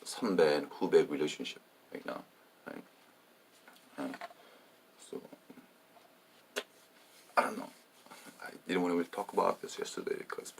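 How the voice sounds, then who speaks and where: Very deep gravelly man rambling. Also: a bit bright. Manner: meandering, repeats himself, many fillers. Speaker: vlogger. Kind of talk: rambling personal monologue.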